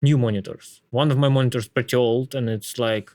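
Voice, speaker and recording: Male, Slavic accent, casual tech talker, mid-range voice, halting and repetitive delivery, close dry sound. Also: medium pitch, steady tone, warm tone, dry recording. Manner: halting, thinking aloud with frequent repetitions.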